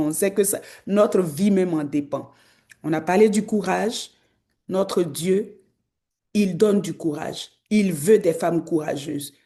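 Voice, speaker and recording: A woman preacher, delivering an exhorting sermon that climbs to loud, emphatic peaks. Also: fairly low pitch. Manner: acts out quoted voices.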